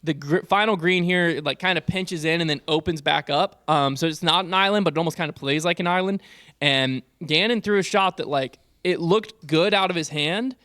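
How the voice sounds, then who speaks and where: A man co-hosting a casual sports podcast, talking in an animated, rambling way with fillers. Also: a little high, normal speed, no echo, clean studio sound. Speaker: podcast co-host. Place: podcast studio. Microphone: studio podcast mic.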